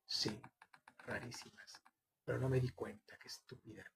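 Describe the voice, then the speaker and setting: A man voicing a distraught, grieving mother who answers haltingly and blames herself. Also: mid-range voice, steady tone, vocal fry, a bit bright, a little hiss or hum. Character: distraught mother, middle-aged woman, grieving and self-reproaching.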